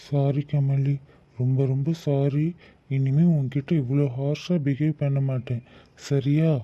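A man's voice: mid-range voice, little pitch movement, measured pace, no room sound, lightly acted. A man voicing a young husband in a cartoon drama, earnest and apologetic at heart and doting toward his wife. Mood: remorseful. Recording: dull, dry lo-fi recording.

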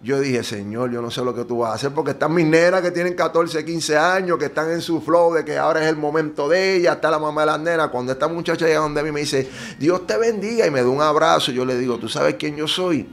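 Puerto Rican man, interview guest, earnest testimony, voice sits a touch high, keeps asking "you see?". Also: steady tone, fast, few pauses. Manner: earnest storytelling with frequent tag questions. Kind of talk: personal testimony in conversation.

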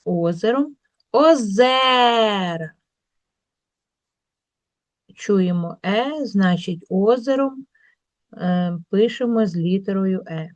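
A woman teacher working through a school workbook, drawing words out slowly to show where the stress falls. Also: mid-range voice, expressive, mellow, no room sound. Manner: slow, drawn-out word demonstrations.

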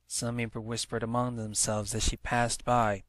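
A male narrator reads fan fiction aloud with dramatic storytelling flair, performing a scripted narration. His voice sits in the mid-range with little pitch movement, a moderate pace, and a slightly bright tone, and the recording is dry.

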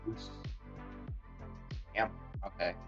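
A man's voice: drawn-out words, a bit bright. A man joking around as a co-player on his wife's casual game stream. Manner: joking, playful banter. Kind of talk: casual gameplay stream chat. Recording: dull lo-fi stream audio, faint music.

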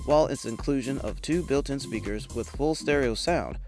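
This is a product roundup narrated from a script by a man at medium pitch, his delivery promotional and measured. Music plays in the background.

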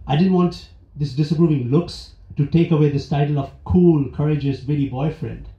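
A man from India telling a personal story live on stage, earnest and reflective, with pauses and restarts. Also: fairly high pitch. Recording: roomy, dull live venue recording.

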